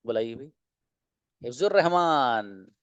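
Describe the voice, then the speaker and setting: A man teaching an online English class, explaining slowly and asking and answering his own questions. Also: mid-range voice, lively intonation, fairly bright tone, dry recording, highs cut off.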